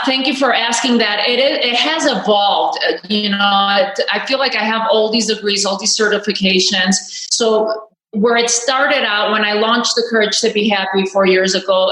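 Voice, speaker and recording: A woman in her forties talks openly and chattily as a podcast guest, her story winding along with small restarts. Her voice sits at an ordinary middle pitch. It carries a noticeable roomy echo. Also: bright, forceful tone. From Spain. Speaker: guest, business coach. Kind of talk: casual interview talk.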